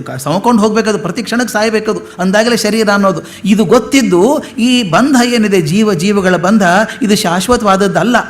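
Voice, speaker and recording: A man giving a lecture on poetry, reciting verses slowly and then explaining them in quick conversational asides. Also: sits high.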